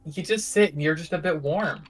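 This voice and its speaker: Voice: medium pitch, a little fast. A friend on a stream chatting casually, telling stories and laughing often. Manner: storytelling, animated, laughs often. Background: game music.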